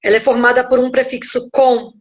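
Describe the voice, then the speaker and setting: Brief: middle-aged Brazilian woman pastor, slightly high voice, reflective live-stream teaching over a phone. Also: level tone, brisk. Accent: Brazilian Portuguese. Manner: reflective, explains step by step, keeps checking in with "né?". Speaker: pastor and guest speaker.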